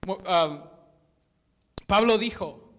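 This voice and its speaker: High-voiced man preaching in a reverberant hall. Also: drawn-out words, fairly bright tone. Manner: conversational storytelling preaching, searching aloud for words. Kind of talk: sermon.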